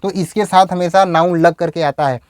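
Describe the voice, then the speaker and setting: A man teaching English in a video lecture, explaining step by step and saying example sentences slowly. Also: high-pitched, steady tone, no room sound.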